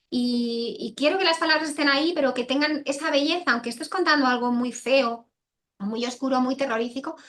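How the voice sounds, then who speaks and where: Her voice is high and a bit bright. She's an author giving casual spoken answers in a video-call interview, wandering off track, correcting herself and repeating phrases often.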